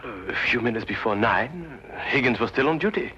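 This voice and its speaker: An actor playing a smooth, scheming museum curator who keeps a polite, sly composure. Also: male voice, mid-range voice, lively intonation, normal speed, sharp tone, slight background noise. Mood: earnest. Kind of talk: 1950s TV drama acting. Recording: dull 1950s TV soundtrack with music.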